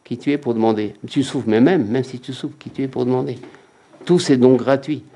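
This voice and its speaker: A man's voice: mid-range voice, fairly even intonation, a little fast, mellow. A man giving a religious lecture as a rabbi, emphatic and repetitive, often acting out quotes.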